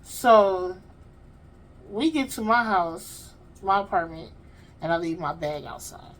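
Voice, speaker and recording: A woman hosting her own vlog, telling a story in an animated, chatty way and talking straight to her audience. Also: fairly low pitch, takes it slowly, a little hiss or hum. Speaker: vlog host. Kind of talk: casual storytelling to viewers.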